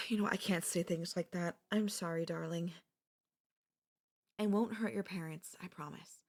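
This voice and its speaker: Playing a possessive, obsessive childhood friend for an ASMR roleplay, a young woman talks gently in a fairly low voice at a slightly slow pace. Her tender mood is laced with sweet, menacing calm, and she sometimes slips into whispers.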